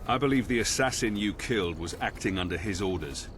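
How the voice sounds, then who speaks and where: An actor playing a stern, dutiful prison commander in a video game, with a formal military manner. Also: male voice, fairly low pitch, expressive, a little fast, background noise, natural voice. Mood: formal, foreboding. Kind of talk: video game cutscene acting.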